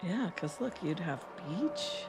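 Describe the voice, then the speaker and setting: A woman's voice: fairly low pitch, animated, takes it slowly, over loud music. A woman with an East Coast accent, streaming a game and chatting in a rambling, laughing way while reading chat aloud. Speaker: gaming streamer. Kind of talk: casual let's-play chat.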